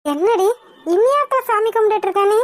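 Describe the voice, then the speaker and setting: A piercingly high voice from a performer playing a worried cartoon mother, soothing her daughter in a resigned way. It sounds close and completely dry. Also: animated, a little fast, no room sound. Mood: consoling. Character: worried consoling mother, middle-aged.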